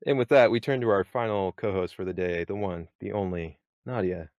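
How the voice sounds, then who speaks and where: A man's voice: low-pitched, fairly quick, no room sound, lo-fi sound. A man moderating a casual podcast chat, rambling with many fillers and restarts.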